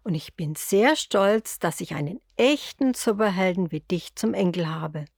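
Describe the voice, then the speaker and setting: A woman voicing a loving, patient old grandfather in a storybook, speaking in a gentle, reassuring way. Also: fairly low pitch, animated, a little slow, vocal fry, breathy edge, no echo, clean studio sound, full character voice. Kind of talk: storybook character voice.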